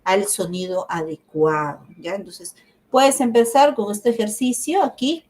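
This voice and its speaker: A woman's voice: medium pitch, darkish tone, a little hiss or hum. Middle-aged woman teaching speech therapy online, explains step by step, keeps adding little tag questions. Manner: explanatory, frequent tag questions and filler pauses. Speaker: speech therapy course instructor. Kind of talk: online lecture.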